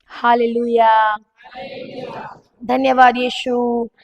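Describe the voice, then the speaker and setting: A woman preacher giving a fervent sermon to a congregation, urging them with shouted commands. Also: fairly high pitch, level tone, very slow, creaky, dull audio.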